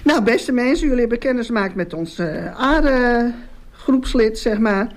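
A woman's voice: on the high side, expressive, measured pace. Chatty, hesitant woman radio host. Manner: hesitant, chatty, echoes the guest's words. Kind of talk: casual, unscripted radio interview.

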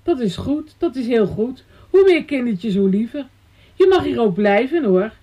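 A woman's voice: on the high side, big pitch swings, moderate pace, highs cut off. Woman reading a kindly old moon king. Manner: warm, welcoming.

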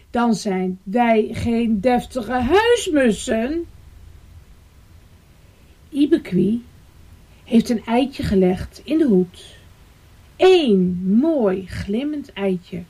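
A woman reading a children's story aloud, expressive and sing-song. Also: fairly high pitch, husky. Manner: slow, lively and sing-song.

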